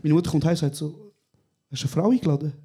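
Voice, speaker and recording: A man's voice: a little high, rapid-fire, husky. A young man with a Swiss German accent, co-hosting a casual podcast recorded live and telling stories animatedly, with 'Bro' in almost every sentence. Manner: animated storyteller, says 'Bro' often. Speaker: podcast co-host. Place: small venue, live recording.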